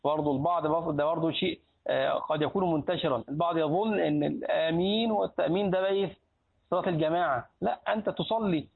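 A man's voice: on the high side, fast, vocal fry, breathy edge. A man teaching a lesson on Islamic law in colloquial Egyptian Arabic, asking his students questions and answering them himself. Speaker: sheikh teaching a hadith book. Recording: tinny lo-fi phone-like recording.

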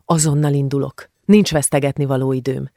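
A woman voicing a brisk, decisive older aunt who speaks firmly and matter-of-factly in an audiobook. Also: a bass voice, steady tone, mellow, no room sound, clean studio sound. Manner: firm, matter-of-fact. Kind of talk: audiobook character voice.

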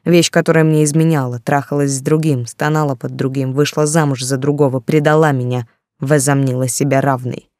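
An audiobook narrator reading a dark first-person story with intense emotion. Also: medium pitch, flat delivery, brisk, no room sound, clean studio sound.

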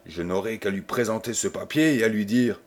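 A man voicing a cold, menacing old nobleman who speaks with sinister calm. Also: mid-range voice, normal speed, slightly rough. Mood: coldly menacing.

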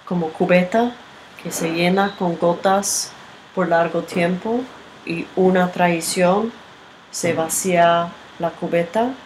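A woman giving a reflective teaching talk with a personal story. She speaks in a halting, unhurried way and often ends with a questioning tag. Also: lowish voice, darkish tone, low-quality recording. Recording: background noise.

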